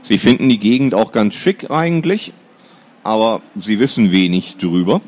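Lively male storybook narrator. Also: on the low side, normal speed. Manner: lively storytelling, swings between lifted and dropped tones. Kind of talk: scripted children's story narration.

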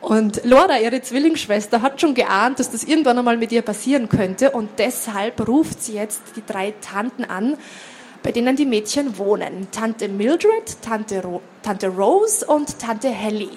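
A woman's voice: a little high, animated, measured pace, a little hiss or hum. A woman at a reading, casually explaining the story to her audience in a chatty way. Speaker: reader.

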